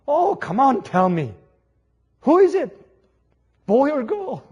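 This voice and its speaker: A man voicing an eager older mother who calls her daughter about a newborn and presses for news in a high voice. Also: big pitch swings, drawn-out words, darkish tone, highs cut off, full character voice.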